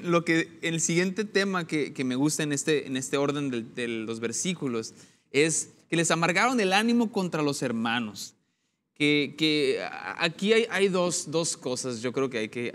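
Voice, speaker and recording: A man's voice: on the high side, fairly bright tone. A man leading a casual Bible discussion, often repeating words as he searches for them.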